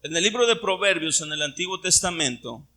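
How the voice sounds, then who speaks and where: A man's voice: sits high, lively intonation, fairly quick, pushed and bright. A middle-aged man from Puerto Vallarta with a Puerto Vallarta Mexican Spanish accent, preaching a Sunday sermon and putting questions to his congregation. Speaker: pastor.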